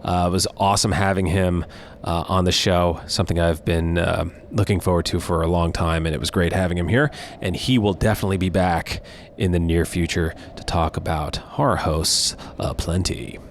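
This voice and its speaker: Low voiced guy hosting a horror show interview, chatty n appreciative, bit halting, noisy audio. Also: fairly even intonation. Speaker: host of a horror-themed show.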